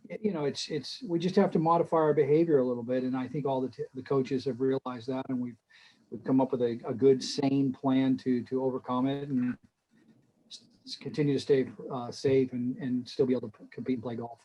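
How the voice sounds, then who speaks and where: A man, a head golf coach, speaking on a video call with a poor connection, talking haltingly with many stammered restarts. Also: mid-range voice, fairly even intonation, mellow. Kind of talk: speaking in a virtual season preview. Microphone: computer on a video call. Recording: dull lo-fi video call audio.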